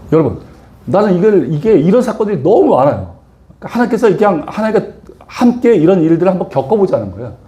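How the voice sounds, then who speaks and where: A man's voice: fairly high pitch, mellow. A middle-aged male pastor preaching a sermon, telling a personal story and asking the audience questions.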